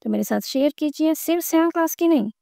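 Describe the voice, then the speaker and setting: A Pakistani woman teacher works through a school textbook lesson, reading the English lines slowly before explaining them in Urdu. Her high, dark-toned voice is animated with some vocal fry, in a dry, studio-quality recording.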